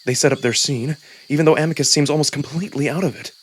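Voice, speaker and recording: Speaking a little high and at a quick pace, this male narrator and voice performer tells a visual novel in the first person, fully immersed and theatrical. There's a slight hiss or hum, with music running under his voice.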